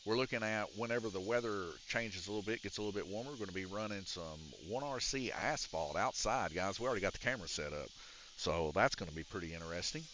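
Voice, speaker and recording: At an indoor RC raceway shop, the race announcer and organizer hosts a live-streamed race night, talking fast and rambling through the rules with plenty of "uh" fillers. His low, raspy voice sounds chest-congested, yet it carries force and a bright edge. Through a wired or wireless handheld mic, the casual stream sounds dull and lo-fi, with a little hiss or hum.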